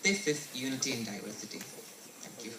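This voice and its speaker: A man's voice: mid-range voice, a little fast, heavy background noise. A teenage boy from India giving a recited, earnest school presentation. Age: teens. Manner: earnest, recited storytelling delivery. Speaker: student presenter. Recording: roomy echo, mic at a distance.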